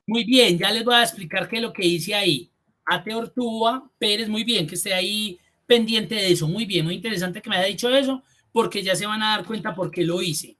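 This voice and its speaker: A man's voice: high-pitched, moderate pace, sharp tone. A man teaching an online spreadsheet class. He explains step by step, repeats key points and thinks aloud. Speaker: spreadsheet course instructor.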